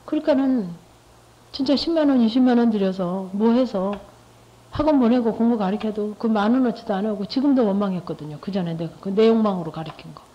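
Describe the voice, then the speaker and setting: A middle-aged woman gives her testimony to a church group, speaking conversationally and repetitively and often posing rhetorical questions to listeners. Her mid-range voice runs a little fast, and the recording is dull and lo-fi.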